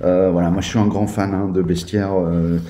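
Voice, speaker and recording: A man's voice: deep voice, flat delivery, moderate pace, warm tone. A man reviewing a tabletop game book in a casual, hesitant way, with many fillers and restarts. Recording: echoey room.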